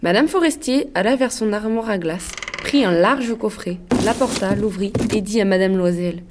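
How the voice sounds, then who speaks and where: A woman giving a measured, scripted narration of a classic story. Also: medium pitch, background noise.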